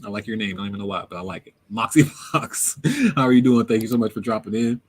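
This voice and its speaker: Husky man chatting through a live Q&A. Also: on the low side, very fast. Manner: reads viewer comments aloud and answers them, laughing often; relaxed, conversational, drops words into everyday slang. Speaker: livestream host reading chat. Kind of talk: casual live Q&A chat.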